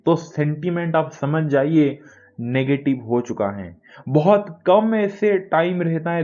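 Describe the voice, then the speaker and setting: A man's voice: medium pitch, narrow, tinny audio. Man talking through market charts. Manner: conversational, keeps addressing viewers as friends. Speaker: stock market analyst. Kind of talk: casual market-analysis talk.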